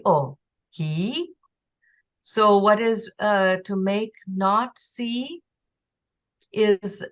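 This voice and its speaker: A woman giving an online lecture on a constructed language, explaining slowly with pauses and sounding out example words. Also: mid-range voice, fairly bright tone. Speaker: presenter teaching a constructed language. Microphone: video call.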